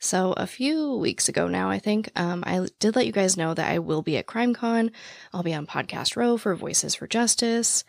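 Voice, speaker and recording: A young woman with a naturally raspy, gravelly voice, full of vocal fry, rattles along as a podcast host, breathless and fast. She is recorded close and dry on a podcast mic, with no room sound around her. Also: on the low side, dry recording. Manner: talks very fast, with laughs and fillers. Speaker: true crime podcast host. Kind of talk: casual chat to listeners. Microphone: podcast mic, standing while recording.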